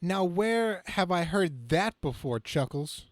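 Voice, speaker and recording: A man acts out a brash young comic-book superhero full of flippant quips. The voice sits a little high and is recorded fairly dry. The reading is amateur and stumbles now and then. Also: expressive, slow pace, no echo. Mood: flippant, wisecracking. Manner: flippant, quippy, stumbling over the script.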